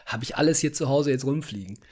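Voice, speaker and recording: A man's voice: mid-range voice, fast, a little mellow, slightly rough. A young man in his twenties co-hosting a casual podcast chat, rambling and repeating himself as he makes his points. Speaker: podcast co-host.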